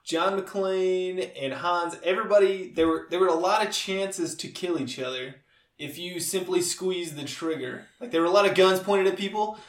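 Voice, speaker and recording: Rambling podcast co-host; man with a bright, slightly high voice, roomy echo. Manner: rambling, halting retellings. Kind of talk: casual movie chat.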